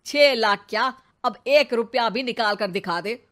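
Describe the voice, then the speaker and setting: A woman's voice: a little high, a little slow, fairly bright tone. A woman voicing a boastful, threatening male cheat in a cartoon, taunting and menacing.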